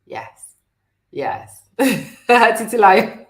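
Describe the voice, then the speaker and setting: A woman's voice: fairly high pitch, bright, forceful tone. A middle-aged woman from Ghana hosting a chatty live stream, talking directly to viewers and often laughing. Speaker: host.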